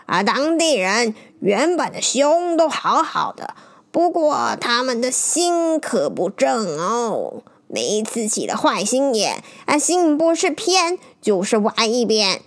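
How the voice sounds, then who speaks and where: A woman voicing a wise, good-humored old man who explains things slowly, with chuckles and drawn-out words. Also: a little high, sing-song, heavily acted. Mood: knowing. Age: older.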